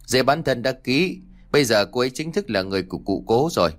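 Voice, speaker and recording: A man's voice: medium pitch, expressive, fast, close to an everyday voice. A man playing a sly village official's servant who speaks with false, fawning politeness. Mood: smarmy.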